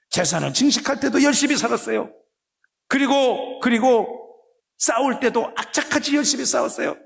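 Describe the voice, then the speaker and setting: Animated high-voiced pastor preaching. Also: male voice, vocal fry. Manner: animated storytelling, acting out characters in a folksy dialect. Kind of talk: sermon. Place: church sanctuary.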